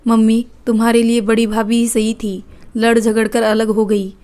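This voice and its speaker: A woman's voice: on the high side, little pitch movement, moderate pace, darkish tone, close to an everyday voice. A woman voicing an outspoken, caring elder sister-in-law in a read-aloud family story. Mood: angry. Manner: firm, reproachful.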